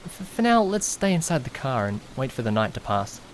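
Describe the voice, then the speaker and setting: In an audio drama, a man voices a jittery young man recounting his own mishap in first person, mixing narration with acted dialogue. Dramatic, alarmed and doubting himself, he speaks a little fast in a sing-song, medium-pitched voice, with a little hiss or hum.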